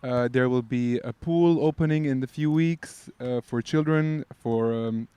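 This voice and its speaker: A man's voice: mid-range voice, measured pace, dark tone, clean tone, dry recording. A man guest on a casual podcast, recorded outdoors by beach volleyball courts, explaining at length with many fillers.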